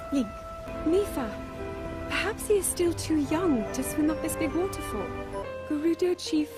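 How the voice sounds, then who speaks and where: A woman voicing a young princess in a fantasy video game, dutiful and strained by doubt, speaking in formal, precise phrases over music. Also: sits high. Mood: gracious, formal. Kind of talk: English-dubbed fantasy video game acting.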